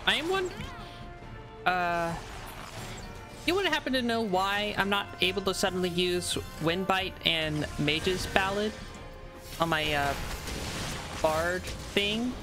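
Woman streamer, unhurried and rambly, talks over clear game music. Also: lowish voice. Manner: rambling, repeats words and restarts, apologetic. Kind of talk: casual live-stream chat while gaming.

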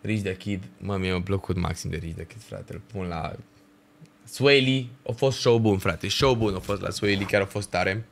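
A man's voice: sits low, gravelly, a little hiss or hum. A young man, chatting casually on a livestream and ranking festival shows, full of slang and swearing. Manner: animated ranting with slang and swearing.

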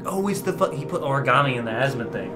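Wisecracking man over loud music. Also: medium pitch, lively intonation, quick pace. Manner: wisecracking, sarcastic, swears. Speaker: co-host of a game playthrough. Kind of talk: casual comedic gameplay commentary.

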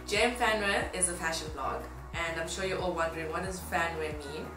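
A Tanzanian fashion blogger in her twenties chats casually to camera, upbeat and informal. Her voice is on the low side and brisk, and the recording has a roomy echo with music playing behind her.

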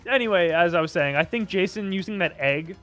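A young man doing casual play-by-play commentary on a video game match, chatty and quick to get excited by big plays. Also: high voice, soft background music.

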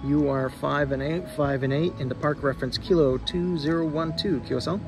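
An amateur radio operator at an outdoor park activation calls for contacts, repeating reports and spelling call signs in the phonetic alphabet. His voice is on the high side, with fairly even intonation and a slightly fast pace, heard over music.

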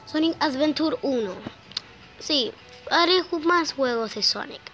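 A woman's voice: sits high, animated, a little slow, low-quality recording. A young woman with a Rosario accent from Argentina, rambling casually while playing a game, swearing offhandedly and coughing a little because she has just woken up. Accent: Argentine Spanish, Rosario. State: slight cough, just woke up. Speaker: gameplay streamer. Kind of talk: casual gameplay commentary. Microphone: phone recording app. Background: loud game music.

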